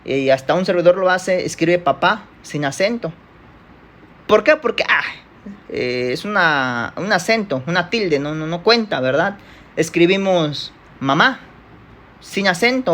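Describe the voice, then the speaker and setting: A man's voice: high voice, expressive, a little slow, fairly bright tone. A man from Mexico with a Mexican accent, teaching a church Bible study lesson from slides in a conversational way, often checking in with listeners and correcting himself.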